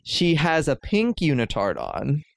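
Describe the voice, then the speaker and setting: A man's voice: fairly high pitch, wildly swooping pitch, a little slow, vocal fry, no room sound, studio quality. A man hosting a podcast in casual chat, talking with lots of fillers and frequent laughs. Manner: chatty, laughs often, many fillers. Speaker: podcast host.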